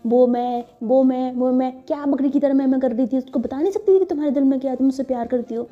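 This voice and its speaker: A woman's voice: high-pitched, fast, lightly acted. A woman voicing a pushy, bossy young woman who scolds and urges her friend on, on a dull lo-fi recording with faint music.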